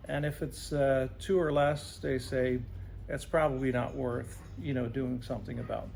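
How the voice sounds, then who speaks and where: Gravelly yet a little mellow, this man's medium-pitched voice stays steady at a moderate pace as he answers interview questions as a radon remediation specialist. He explains simply, often asking "right?", with slight background noise present.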